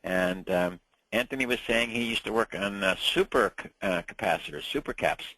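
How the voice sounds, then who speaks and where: His voice is low but bright and forceful, at normal speed, with no room sound on a rough recording. This Long Island man in his sixties, speaking with a New York accent, teaches a casual ham radio licensing class, rambling through stories and repeating words as he restarts.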